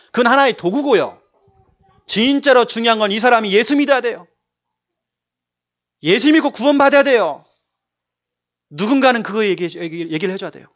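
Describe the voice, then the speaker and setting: A man's voice: high voice, a bit bright. A male pastor preaching a sermon, emphatic and repeating his key words to urge the congregation on. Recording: dull lo-fi church recording.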